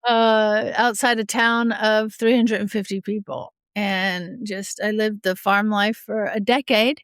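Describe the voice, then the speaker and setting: Speaking at a medium pitch with a steady tone, a little slowly and smoothly, this middle-aged judge raised in Australia shares her recovery story as a podcast guest. The clean studio recording has no echo. Still a bit sniffly as she gets over a cold, she's frank, laughs softly often, and restarts a lot with many fillers.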